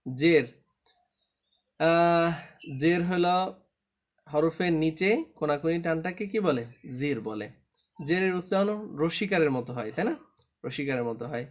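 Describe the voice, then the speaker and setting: A man's voice: fairly high pitch, unhurried, pauses often. A man teaching a Quran reading class online, patiently drilling letter sounds and asking the class to check understanding.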